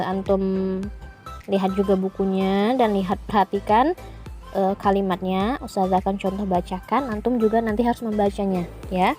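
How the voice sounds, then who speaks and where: A woman teacher with an Indonesian accent, giving a slow, careful online lesson and reading aloud for children. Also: medium pitch, darkish tone.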